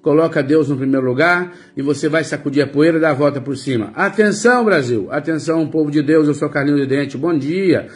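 A man's voice: on the high side, brisk, few pauses. A Brazilian man hosting a casual live stream as a psychic, greeting viewers by name and teasing them in a chatty way. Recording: faint music behind.

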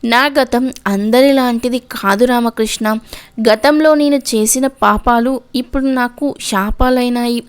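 A woman reading the lines of a remorseful, despairing man in a pleading way, with a smooth voice. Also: fairly high pitch, unhurried, lightly acted. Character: remorseful guilt-wracked grown man, despairing.

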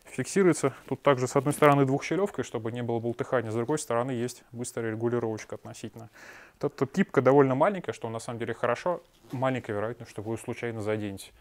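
This is a fast-talking man in his thirties with a medium-pitched voice. As a shop owner reviewing gear, he critiques a backpack in a small shop room on a lapel mic, sounding blunt and sarcastic with crude side comments.

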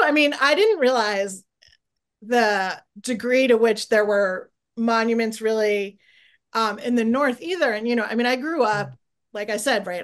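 Animated woman historian on a video call. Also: fairly high pitch. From suburbs of New York City. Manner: animated, laughs easily, many restarts. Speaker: guest historian. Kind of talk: casual conversation. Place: home office with bookshelves.

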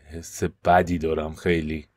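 A man's voice: a bass voice, flat delivery, no echo. Jumpy Persian-speaking gamer man. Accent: Iranian Persian. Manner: jumps from loud panicked yelps to hushed tense muttering. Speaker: gaming YouTuber. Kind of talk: let's play commentary.

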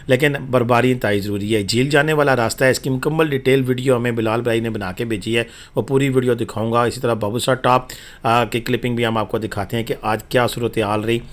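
A man narrating a travel and weather update as a voice-over, chatty and informal, with frequent fillers. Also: mid-range voice.

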